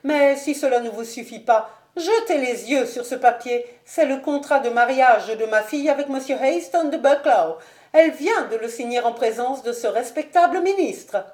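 Imperious noble mother, high-pitched, commanding; a female narrator plays her. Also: animated, normal speed. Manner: sharp, raised, imperious. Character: haughty domineering noblewoman mother, shrill and triumphant. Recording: echoey room.

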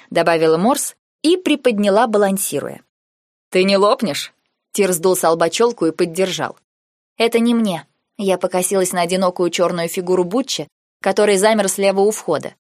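A woman narrating a first-person fantasy audiobook in a measured, even way on a close mic. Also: mid-range voice, no echo.

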